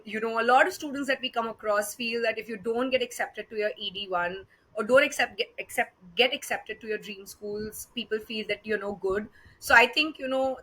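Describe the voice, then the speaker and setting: A woman with a very bright, forceful, fairly high voice and an Indian accent hosts a podcast. She interviews conversationally, sounding effusive and encouraging towards her guest. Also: rough recording. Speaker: podcast host.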